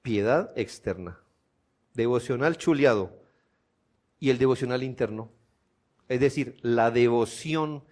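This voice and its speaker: A male pastor with a Colombian accent delivers a sermon in a church at a slow, deliberate pace. His voice sits at an ordinary male pitch. He keeps asking his listeners questions and rises to loud, forceful emphasis. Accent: Colombian Spanish. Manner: preaching with rhetorical questions, builds to loud emphatic peaks.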